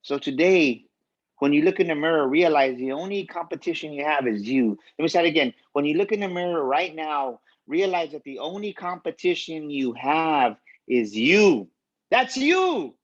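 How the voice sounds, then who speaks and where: A man's voice: fairly high pitch, expressive, moderate pace, muffled recording. A man giving a faith-based motivational speech as a guest speaker, repeating key lines for emphasis.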